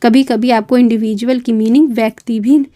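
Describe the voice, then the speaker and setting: A woman's voice: fairly high pitch, fairly even intonation, moderate pace, warm tone. A woman teaching English vocabulary, spelling words letter by letter and repeating each meaning. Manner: adds short fillers and checks between words. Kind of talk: vocabulary lesson.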